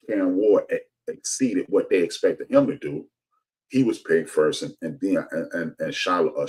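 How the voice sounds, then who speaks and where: Deep-voiced man preaching social commentary. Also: rough recording. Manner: preachy, repetitive rhetorical emphasis with frequent restarts. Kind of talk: impassioned commentary monologue.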